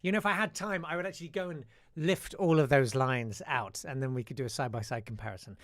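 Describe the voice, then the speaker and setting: A man's voice: mid-range voice, fast talker, a bit bright, no echo, studio quality. A man hosting a live show in a casual, wry way, reading out listener messages with frequent hesitations. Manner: chatty, wry, many "uh" hesitations. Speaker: radio-style show host.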